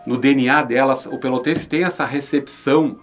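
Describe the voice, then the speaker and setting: Southern Brazilian man, halting conversational talk. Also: mid-range voice, fairly even intonation, soft background music. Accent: southern Brazilian, Rio Grande do Sul. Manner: halting, repeats words, often seeks agreement with tags. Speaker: interview guest, regional newspaper representative. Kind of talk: conversational interview answer.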